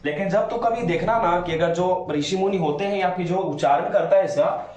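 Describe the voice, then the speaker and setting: A man's voice: high-pitched, moderate pace, darkish tone. A male teacher giving a grammar lesson, stretching vowel sounds out to demonstrate them and coaxing his students with questions. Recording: very echoey room.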